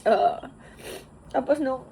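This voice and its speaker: A middle-aged woman tells a personal story, halting and near tears, full of fillers and restarts. Her fairly high voice has a gravelly edge. A faint hiss of background noise sits under the recording. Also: mellow. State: tearful. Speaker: vlogger telling a personal story.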